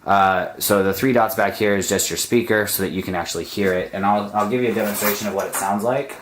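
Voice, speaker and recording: A man's voice: fairly low pitch, quick pace, slight background noise. A man casually demonstrating and explaining a product, chatty, with lots of ums and uhs. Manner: explanatory, filler-heavy, chatty. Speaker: product reviewer. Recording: echoey room.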